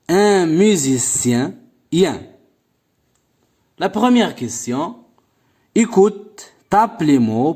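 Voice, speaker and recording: A man with a Moroccan accent teaching a bilingual phonics lesson as a primary school French teacher, repeating each word several times in slow drills. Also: fairly high pitch, warm tone, husky.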